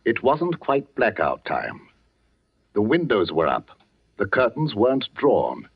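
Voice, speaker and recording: An actor playing a worried village vicar and father in a 1940s radio drama, speaking with gentle authority and telling events earnestly. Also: medium pitch, husky, muffled recording, exaggerated voice.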